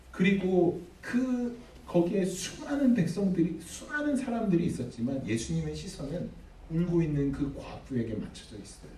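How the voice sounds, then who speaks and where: A man's voice: fairly high pitch, warm tone. A man preaching a sermon as pastor, dramatic, acting out the figures he quotes. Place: church sanctuary. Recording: echoey hall, mic at a distance.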